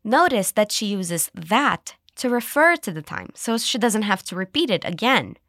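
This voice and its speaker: A woman hosting an English lesson podcast, cheerful, modeling phrases slowly for listeners to repeat. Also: mid-range voice, sing-song, a bit bright, no room sound, clean studio sound. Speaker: English teacher and podcast host. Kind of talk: scripted language lesson.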